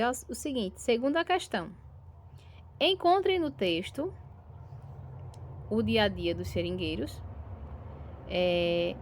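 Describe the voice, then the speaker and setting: Patient woman teacher stretching out syllables. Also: a little high. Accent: Brazilian Portuguese. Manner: patient, drawn-out syllables, frequent tag questions. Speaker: primary school teacher. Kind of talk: recorded remote lesson.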